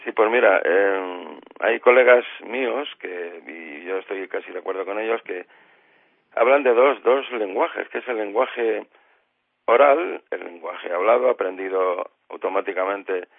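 A man's voice: on the low side, a little slow, creaky, no room sound. A man explaining grammar patiently on a radio show, using everyday examples. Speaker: language expert guest. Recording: tinny phone line.

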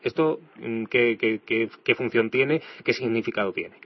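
A man's voice: mid-range voice, moderate pace, far from the mic. Radio host man, a bit off-mic. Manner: asks guiding questions and sums up for listeners. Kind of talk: radio talk. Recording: dull radio sound, off-mic.

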